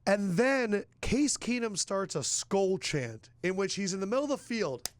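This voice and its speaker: A man hosting a football podcast in casual sports talk, lively and telling stories with quick asides. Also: high voice, very noisy. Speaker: podcast host.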